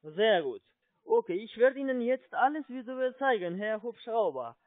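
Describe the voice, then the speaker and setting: A call-centre salesman, not a native German speaker, walks a caller through step-by-step instructions over the phone. His high-pitched voice has a sing-song quality, and he is polite and halting, confirming things repeatedly. The telephone line sounds muffled and dry.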